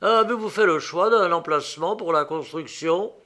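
A man's voice: on the high side, lively intonation, a little slow, pushed and bright, pitched above the performer's own voice, full character voice. A man reading an audiobook aloud, voicing a sly middle-aged count who talks in a clipped, offhand way.

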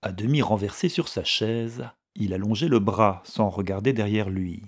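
A man reading a novel aloud as narrator, measured and steady. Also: fairly low pitch, husky.

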